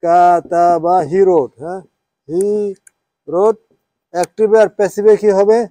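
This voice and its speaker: High-voiced man teaching a class. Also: steady tone, slow pace, mellow, no echo. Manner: checks with students, asks "হ্যাঁ?" often; switches between Bengali and English, spells Arabic out. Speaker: Quran teacher. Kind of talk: informal class lesson.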